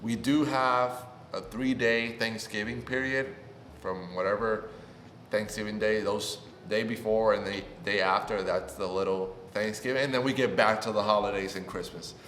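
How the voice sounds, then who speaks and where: Speaking at a moderate pace in a fairly low voice, a twenty-something man from Puerto Rico, a native Spanish speaker, warmly introduces himself on his new vlog channel, growing more excited as he goes. A little hiss or hum sits under the echoey, reverberant room sound.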